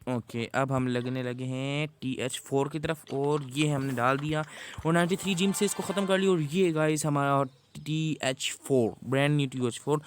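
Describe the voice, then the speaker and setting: A man's voice: medium pitch, clean tone. A man giving chatty, casual gameplay commentary to his viewers. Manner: chatty, addresses viewers as guys. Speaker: gaming YouTuber.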